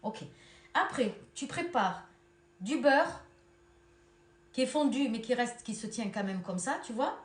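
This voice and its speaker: A woman with a Tunisian accent hosting a casual cooking tutorial at home, talking warmly to viewers as if to her own daughters and children. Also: fairly high pitch, lively intonation, unhurried, long pauses. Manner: chatty, addresses viewers as girls and children. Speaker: cooking channel host. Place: home kitchen. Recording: echoey kitchen with faint noise.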